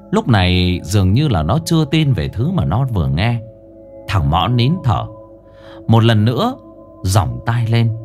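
A man's voice: fairly low pitch, darkish tone. Man telling a ghost story dramatically.

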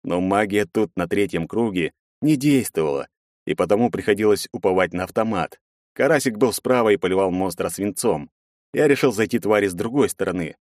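A man with a low voice reads a first-person action story with a dramatic, lively delivery, his pitch swinging widely. The recording is close and dry, with no room around it. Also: brisk, dry recording. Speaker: audiobook narrator. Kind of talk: first-person audiobook narration.

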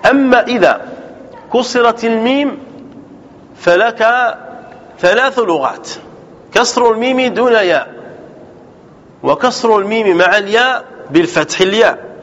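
A sheikh teaching a grammar lesson, explaining slowly and deliberately, repeating points and correcting himself as he goes. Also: sits high, lively intonation, fairly bright tone. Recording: dull lo-fi recording with faint background noise.

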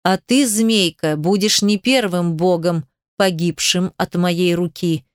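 A woman voicing an ancient hill god who proclaims slowly and solemnly. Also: on the low side, clear, resonant tone, dry recording, studio quality.

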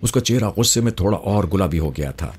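A man reads a first-person story aloud in a measured, dramatic way. His voice is very deep and husky. Faint music plays underneath. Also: lively intonation, darkish tone. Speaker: narrator.

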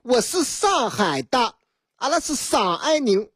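Woman playing wheedling con man, put-on Shanghai accent, raised pitch, husky. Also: sing-song, unhurried, no echo, clean studio sound, heavily acted. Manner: wheedling, smooth-talking.

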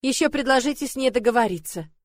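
A young storybook heroine, voiced by a woman reader, speaks with gentle care and a teasing, wry edge. Her voice sits high and sounds dry and close. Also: animated, fast talker, dry recording, lightly acted.

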